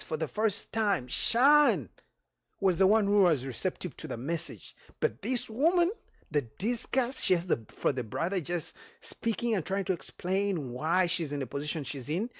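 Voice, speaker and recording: A man hosting a reaction channel, giving animated, emphatic commentary on clips and talking straight to his viewers. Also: sits high, dry recording, studio quality.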